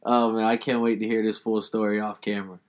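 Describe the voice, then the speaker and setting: A man's voice: fairly low pitch, flat delivery, quick pace. A man hosting a podcast, answering in short replies and laughing along with his guest in casual chat. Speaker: podcast host.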